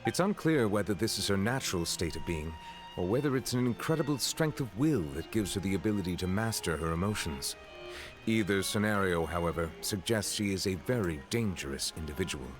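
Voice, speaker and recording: A man's voice: low voice, lively intonation, a little fast, soft background music. A man voicing a reserved, formal chief judge in a video game who speaks in a stately, carefully worded way. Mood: grave.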